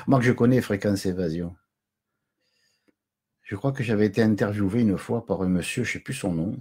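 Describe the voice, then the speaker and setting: A man's voice: lowish voice, moderate pace, pauses often, warm tone, husky. A middle-aged man hosting a casual live stream from home, chatty and jokey, greeting viewers and chuckling often.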